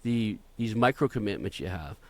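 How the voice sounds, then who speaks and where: A man in his fifties hosting a podcast interview, asking questions haltingly with many restarts. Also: lowish voice, lively intonation, a little mellow. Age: 50s. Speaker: podcast host.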